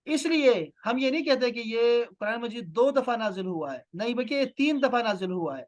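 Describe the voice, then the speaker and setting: A man's voice: extremely high pitch, animated. A man from Pakistan teaching an online class in a questioning, repetitive manner. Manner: questioning, repeats "theek hai" and "na".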